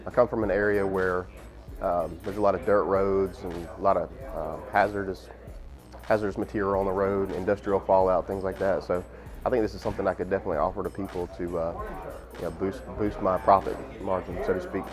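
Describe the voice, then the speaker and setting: A car detailer from Mississippi giving a plainspoken interview answer. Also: male voice, low-pitched, little pitch movement, brisk. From Mississippi, USA. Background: background music.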